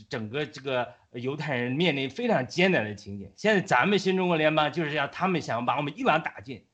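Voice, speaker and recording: A man's voice: on the high side, fairly bright tone. A man who is a guest on a talk show, animatedly retelling a story in casual speech with frequent fillers and restarts.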